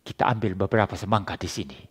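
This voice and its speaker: A shifty father barks quick orders to keep watch, his voice low and guarded, played by a man. The tone is conspiratorial and edgy. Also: breathy edge. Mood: scheming. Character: scheming father stealing melons, nervous.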